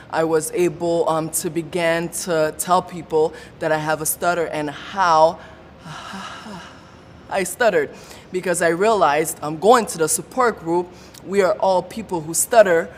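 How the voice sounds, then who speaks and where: A support group member gives a personal testimony about living with a stutter, her speech marked by repeated sounds, blocks and pauses. The recording has long room reverb and a faint low rumble.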